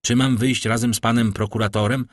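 A man's voice: mid-range voice, steady tone, fairly quick, no room sound, studio quality, lightly acted. A male audiobook reader voicing a desperate young man who keeps pleading and asking anxious questions.

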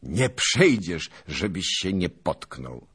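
A man's voice: deep voice, slow pace, slightly rough, voice pushed up, exaggerated voice. A man doing a cheerful little knight. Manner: cheerful, lively. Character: small cheerful young knight.

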